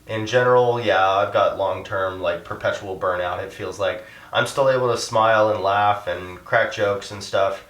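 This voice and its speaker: A man being interviewed, talking haltingly with many fillers, getting choked up as his voice climbs when he is upset. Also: lowish voice, a bit bright, reverberant, distant mic. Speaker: interviewee, animal rights activist. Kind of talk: emotional interview.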